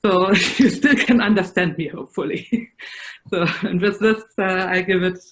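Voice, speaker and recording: A woman's voice: medium pitch, steady tone, normal speed, rough recording. A woman with a German accent chairing an online research meeting over a video call, explaining ideas earnestly with small restarts. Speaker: session chair, research professor.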